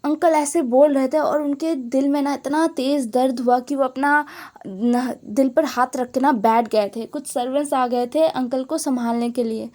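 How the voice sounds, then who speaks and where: A woman's voice: sits high, a little mellow. A woman narrating a fan fiction story in a casual, conversational way with emphatic asides.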